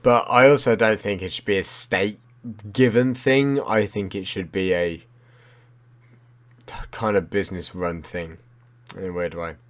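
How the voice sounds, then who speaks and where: A man's voice: fairly low pitch, steady tone, a little slow, pauses often, a bit bright. A young man hosting a podcast, chatting with a friend in an easygoing, agreeable way. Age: young adult. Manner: easygoing, agreeable, loose conversational talk. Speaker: podcast host. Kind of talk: casual chat.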